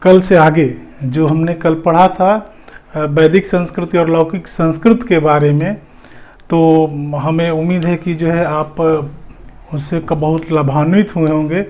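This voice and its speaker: Man, high voice, teacher, exam-prep lecture, repeats himself, halting fillers. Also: fairly even intonation, darkish tone. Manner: explanatory, repeats points, many fillers.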